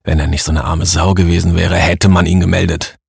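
A man voicing a coarse, blustering middle-aged village man who mocks loudly in a husky voice. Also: deep voice, level tone, a little fast, dry recording, studio quality, heavily acted. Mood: scornful. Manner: blustering, mocking, raised voice.

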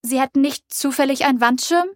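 A vain, coquettish flower, voiced by a woman in a storybook reading, talking in a high, affected, pampered way. The recording is dry and close. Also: a little fast, no room sound, close to an everyday voice. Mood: fussy, demanding.

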